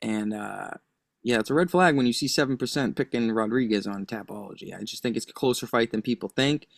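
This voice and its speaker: A man talking as a betting analyst on a podcast, defending his picks with a string of "I think" asides. His voice has an ordinary middle pitch. It comes across close and dry, with no room sound. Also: brisk, gravelly, no echo. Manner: hedging, argues his picks with lots of "I think". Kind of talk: casual chat.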